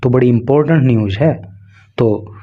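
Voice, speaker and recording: A man's voice: mid-range voice, normal speed, muffled recording. A man with a Hindi accent teaching English through a newspaper, reading phrase by phrase and explaining each word's meaning in Hindi. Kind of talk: line-by-line newspaper translation lesson.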